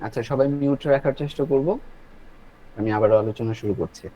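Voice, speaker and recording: A man with a mellow, mid-range voice at a quick pace hosts and presents an online webinar in a video meeting, explaining things instructively and addressing listeners directly. The call audio is lo-fi.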